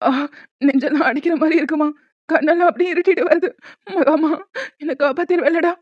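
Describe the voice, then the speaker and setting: A woman's voice: high voice, steady tone, fast, noisy background, voice pushed up, close to an everyday voice. A woman voicing an ailing older father in a cartoon serial, weak and pleading. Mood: frightened. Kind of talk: Tamil cartoon serial voice acting. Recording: dull lo-fi sound.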